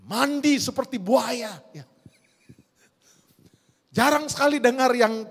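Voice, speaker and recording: A middle-aged man, preaching a sermon in a lively storytelling way and often addressing the congregation directly. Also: fairly high pitch. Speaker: pastor. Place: church hall. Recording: long church hall reverb.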